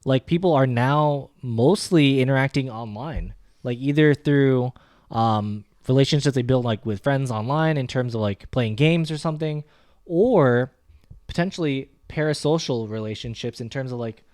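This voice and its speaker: A man's voice: mid-range voice, moderate pace, darkish tone, dry recording, clean studio sound. A young man co-hosting a casual podcast, talking loosely with lots of "like" and the odd joking aside. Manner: loose and chatty, heavy use of "like", joking asides. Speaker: podcast co-host.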